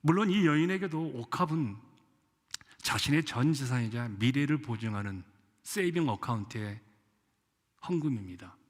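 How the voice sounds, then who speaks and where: A man's voice: mid-range voice, animated, normal speed, pauses often. A man preaching a sermon as pastor, with an impassioned delivery that acts out the people he quotes. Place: church sanctuary. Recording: echoey church hall.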